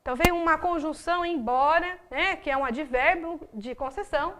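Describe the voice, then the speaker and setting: A woman with a Brazilian Portuguese accent teaching a grammar video lesson, explaining rules with many tag questions and reading example sentences slowly. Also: high voice, fairly bright tone. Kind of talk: recorded video lesson for exam preparation.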